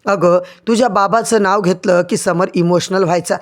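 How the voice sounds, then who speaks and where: A woman's voice: mid-range voice, fairly even intonation, normal speed, lightly acted. A man voicing Mallika, a scheming middle-aged mother who scolds and coaxes her daughter. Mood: scolding.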